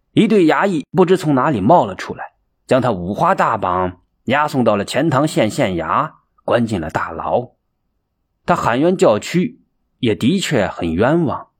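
A male storyteller narrates a folk tale with dramatic expression and a lively, wide-ranging voice. His tone is husky and breathy at a middle pitch. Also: moderate pace. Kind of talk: audiobook storytelling.

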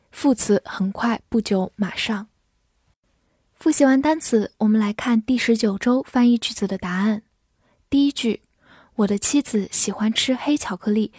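Slow, deliberate female vocabulary teacher. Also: a little high, dark tone, no room sound, studio quality. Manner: slow, deliberate word-by-word reading. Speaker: English teacher. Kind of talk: vocabulary drill.

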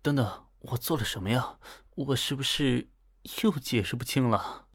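A man's voice: mid-range voice, normal speed, slightly rough, dry recording, clean studio sound. A man voicing an easygoing male martial master who speaks in a casual, offhand way. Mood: puzzled.

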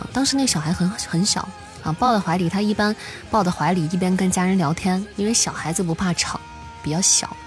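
Chatty woman livestreamer telling a story. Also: mid-range voice. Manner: chatty, often checks in with listeners and restarts her sentences. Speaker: livestream host. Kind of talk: casual storytelling to a live audience.

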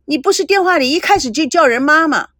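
A woman's voice: high voice, lively intonation, quick pace, fairly bright tone, dry recording, studio quality, voice pushed up. A woman voicing a brash, teasing young woman in an audio story, playful and bossy. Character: brash teasing young Taiwanese woman, cheeky self-styled beauty.

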